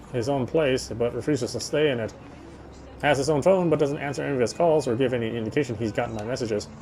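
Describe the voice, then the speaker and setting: This male streamer narrates a visual novel with asides, sometimes tripping on a line and saying words twice. He speaks at medium pitch with a darkish tone. The audio is poor, with slight background noise.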